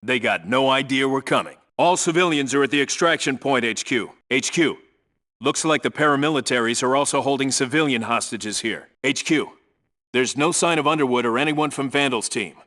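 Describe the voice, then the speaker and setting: A man voices a no-nonsense Navy SEAL team leader in a military video game, delivering clipped, authoritative reports and squad orders. His medium-pitched voice is fairly quick, pushed and bright, not far from how he'd normally talk. He sounds focused and businesslike.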